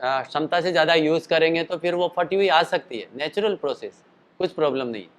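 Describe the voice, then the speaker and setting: A man with a fairly high voice speaks a little fast while teaching singing and voice use in a casual, spoken lesson. He explains at length in a chatty way and demonstrates calls and sung notes. A show the night before has left his throat tired.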